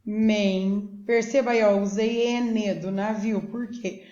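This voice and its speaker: A woman teacher with a Brazilian Portuguese accent gives a recorded lesson for young pupils, explaining slowly and patiently and often checking that they follow. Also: fairly high pitch, steady tone, mellow. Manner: slow, patient, checks in with "tá joia?". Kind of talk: recorded remote school lesson. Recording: echoey room, dull lo-fi sound.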